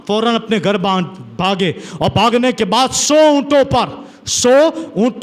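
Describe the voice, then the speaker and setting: A man's voice: very high voice, a bit bright. A man preaching a sermon, retelling old stories with dramatic, repetitive emphasis. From India. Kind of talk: sermon storytelling.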